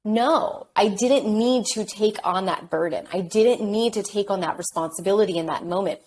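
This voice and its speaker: A woman's voice: mid-range voice, a little fast, a little mellow, a little hiss or hum, poor audio. A woman who works as a life coach, talking reflectively and reassuringly as a podcast guest. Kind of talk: conversational podcast interview.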